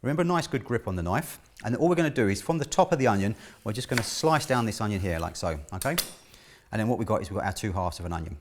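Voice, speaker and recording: A man's voice: fairly low pitch, lively intonation, fast talker, a little hiss or hum. A middle-aged man giving a casual cooking demonstration, chatty and instructional, often checking in with the listener. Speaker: chef presenting a cooking lesson. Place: indoor kitchen studio.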